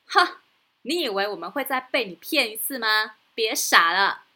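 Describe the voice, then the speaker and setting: A woman's voice: on the high side, lively intonation, normal speed, bright, forceful tone, exaggerated voice. Woman doing a grumpy farmer guy telling a kid off, storybook voice. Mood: scornful. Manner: scolding. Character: angry grown male farmer.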